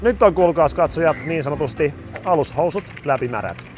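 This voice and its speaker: A man vlogging at an amusement park, joking and shouting on the rides, his voice going hoarse. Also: fairly high pitch, soft background music. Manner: excited, jokey, shouts on rides. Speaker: YouTuber. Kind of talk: amusement park ride vlog. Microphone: action camera.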